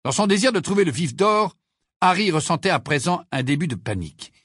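A man narrating a novel for an audiobook in a high, bright voice. His reading is lively, with a lot of pitch movement. It is recorded close on a dry studio mic. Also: a little fast, husky, no room sound. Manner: expressive storytelling reading. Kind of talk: scripted narration.

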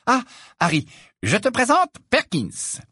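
A man voicing a kindly, excitable middle-aged wizard who stammers and hurries. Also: extremely high pitch, takes it slowly, breathy edge, no room sound, studio quality, voice pushed up, exaggerated voice. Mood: flustered.

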